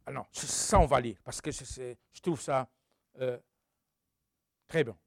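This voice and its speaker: A man preaching a sermon who reads scripture, exclaims hallelujah and questions his congregation, swinging from loud outbursts to quiet asides. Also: medium pitch, unhurried, creaky, no room sound, studio quality.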